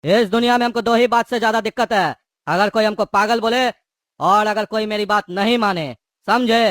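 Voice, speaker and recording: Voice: medium pitch, normal speed, a bit bright, dry recording, studio quality, lightly acted. Someone voicing a bullying cartoon thug. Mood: menacing. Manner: bullying, mocking, threatening. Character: menacing male thug prisoner called Psycho Genda. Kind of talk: cartoon voice acting.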